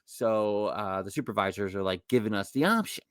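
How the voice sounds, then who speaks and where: A man's voice: fairly low pitch, lively intonation, normal speed, fairly bright tone, clean tone, dry recording. A middle-aged man with a New York accent, co-hosting a casual podcast chat and telling rambling stories that often restart mid-sentence. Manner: rambling, self-correcting storyteller. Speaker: podcast co-host.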